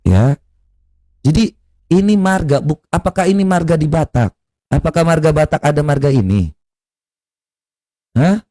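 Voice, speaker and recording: A man with a notably high voice delivers a heated social media rant. He scolds and taunts, firing off rhetorical questions and letting out mocking laughs as he goes. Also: warm tone. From Kupang, East Nusa Tenggara, Indonesia. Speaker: online religious commentator.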